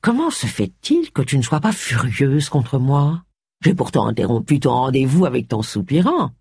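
Un lecteur de livre audio fait parler un homme, ami taquin et attentionné, sur un ton calme. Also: male voice, medium pitch, moderate pace, husky, no echo, clean studio sound. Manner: teasing, reassuring. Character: man, an affectionate teasing friend. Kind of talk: audiobook character voice.

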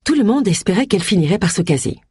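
A woman narrating an audiobook in a wry, lively storytelling manner. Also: medium pitch, fast, husky, no room sound, studio quality. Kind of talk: scripted narration.

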